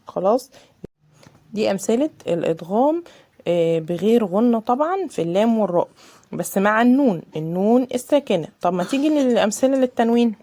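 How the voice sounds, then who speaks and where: A woman with an Egyptian Arabic accent, teaching a Quran recitation lesson in a casual, chatty way and drawing out the recited examples slowly. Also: on the high side, lively intonation, dark tone. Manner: explains casually, then drawls examples slowly.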